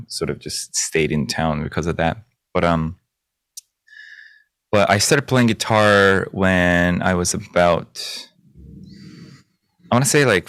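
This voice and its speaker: A man, a guest chatting casually in an interview and often pausing on fillers. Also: low voice, no room sound, studio quality. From South Korea. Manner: hesitant, many fillers and restarts, animated when recounting. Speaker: guest guitarist and music producer.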